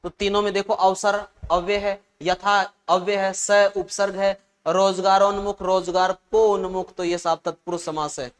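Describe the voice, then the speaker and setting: Guy teaching exam prep, high voice, chatty, keeps saying saahab. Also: level tone, normal speed. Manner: chatty, addresses listeners as saahab and bhai.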